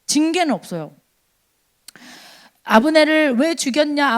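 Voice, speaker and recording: A high-voiced woman preaches a sermon at a church service. Her voice swings widely as she fires off rhetorical questions and acts out short quotes. She keeps the delivery animated throughout.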